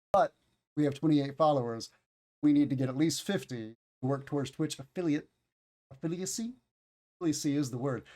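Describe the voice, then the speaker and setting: A man's voice: medium pitch, mellow. A tired American man with a Southern accent teaches an online English class, patiently explaining and repeating key words. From United States.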